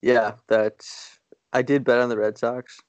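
A man co-hosting a podcast, chatting casually about sports in a rambling, self-deprecating way with halting restarts. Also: mid-range voice, level tone, no echo, muffled recording. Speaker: podcast co-host.

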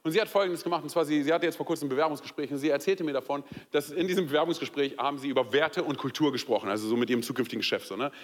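A young man from Germany preaches to a church crowd in a chatty, animated way, talking straight to his listeners with lots of fillers. His voice sits fairly high for a man. It rings through a large hall with a long reverb tail. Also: rapid-fire, few pauses. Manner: animated, conversational preaching with many fillers and direct address. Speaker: pastor. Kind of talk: sermon.

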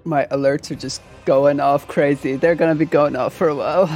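A woman streamer chatting casually as a podcast guest, emotional and laughing, halting as she talks. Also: deep voice, steady tone, darkish tone, soft background music. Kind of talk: casual chat on a live stream.

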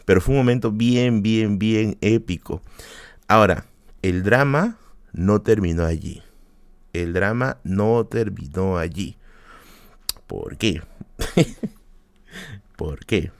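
A young man, hosting a podcast and telling a family story in a casual, animated way, often repeating himself and jumping up in pitch when he quotes people. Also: slow pace, long pauses, no room sound. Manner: animated, jumps high when quoting people, repeats words, laughs often. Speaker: podcast host.

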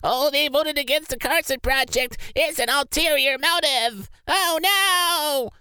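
A man voicing a whiny male sports fan with a squeaky voice, indignant and complaining. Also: measured pace, pushed and bright, dry recording, heavily acted. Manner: whining, indignant.

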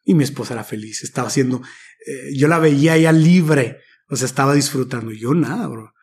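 A Mexican man in his thirties, appearing as an interview guest, reflectively tells a personal story using casual slang. His medium-pitched voice is darkish and husky, and he talks a little fast.

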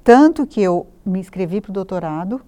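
A woman in her sixties with a Brazilian Portuguese accent, a therapist telling a personal story as a guest, animated and acting out her own past thoughts. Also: normal speed. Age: 60s. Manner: animated, acts out her own past thoughts, voice climbs high when recalling panic.

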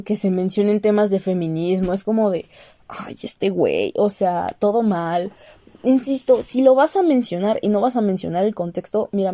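Ranting young Mexican woman, dark voice. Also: no room sound, clean studio sound. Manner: animated, ranting, swearing, with sudden high outbursts. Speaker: series reviewer. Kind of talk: casual vlog review.

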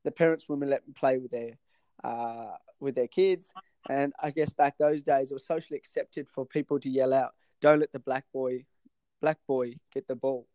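A Sri Lankan man appears as a podcast guest in a casual interview chat, speaking haltingly with many fillers and restarts. His mid-range voice is steady and mellow, captured in a dry, rough recording.

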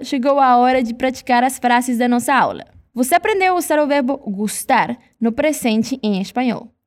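In a scripted lesson, a Brazilian woman with a high-pitched voice teaches Spanish pronunciation, slowly saying model words for listeners to repeat.

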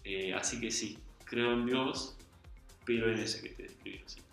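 A man's voice: fairly low pitch, steady tone, unhurried, creaky, fairly bright tone. A young man with an Argentine accent telling a personal story in an earnest, confiding, colloquial way. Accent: Argentine Spanish. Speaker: guest. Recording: very echoey room, faint music.

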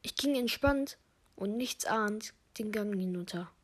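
Slow, husky female storyteller. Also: mid-range voice. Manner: reads along, drops to a whisper at tense moments. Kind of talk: narrated first-person story.

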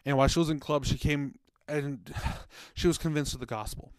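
A man's voice: a little high, fairly even intonation, moderate pace, dry recording, clean studio sound. Earnest man telling a faith story. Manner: earnest, conversational, retells stories with acted quotes. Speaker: podcast co-host, former children's ministry worker.

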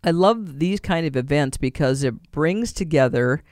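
A man's voice: fairly high pitch, expressive, a little slow, darkish tone, dry recording, studio quality. A man hosting a local radio interview, chatty and agreeable, checking details with his guest. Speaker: radio show host.

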